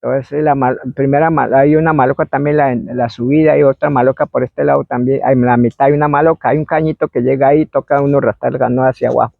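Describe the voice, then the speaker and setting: A man, telling an oral history story in a meandering way and acting out shouts and quoted voices. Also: mid-range voice, fairly even intonation, quick pace, vocal fry, few pauses, no echo. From Colombia. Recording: dry, phone-like narrow sound.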